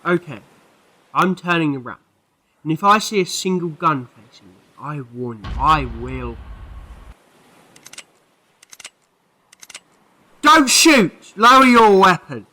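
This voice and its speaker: Man playing bright, excitable eccentric time-traveller, the Doctor. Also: on the high side, measured pace, heavily acted. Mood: wary, commanding. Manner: theatrical, exclamatory, wordy. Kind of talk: fan audio drama acting.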